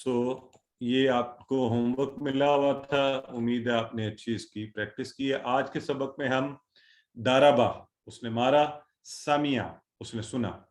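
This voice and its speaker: A man's voice: medium pitch, fairly even intonation, a little slow, echoey room. A male teacher leading an online class, patiently drilling word forms and calling on students one by one. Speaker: Quran Arabic teacher.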